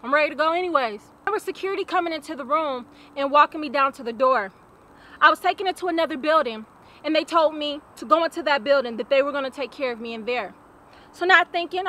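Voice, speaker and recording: A woman's voice: sits high, sharp tone. A young woman recounting her own life in an earnest, plainspoken personal testimony, repeating phrases for weight. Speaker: survivor telling her own story.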